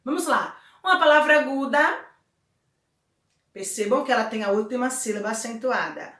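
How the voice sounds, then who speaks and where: A Brazilian woman teaching a Spanish class to children, friendly and chatty, checking in with "tá?" and "né?" and slowing down to spell out example words. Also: fairly high pitch, lively intonation, bright, forceful tone, roomy sound. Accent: Brazilian Portuguese. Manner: friendly, chatty explaining with frequent "tá?" and "né?". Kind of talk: recorded remote class lesson.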